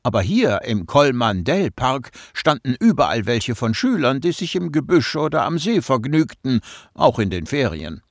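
A man's voice: mid-range voice, big pitch swings, moderate pace, dry recording. Man narrating a story in a dry booth. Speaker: audiobook narrator. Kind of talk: scripted narration.

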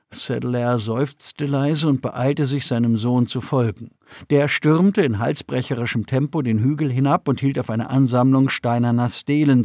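A man narrating an audiobook chapter in a steady, measured reading. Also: medium pitch, no echo, studio quality. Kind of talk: scripted narration.

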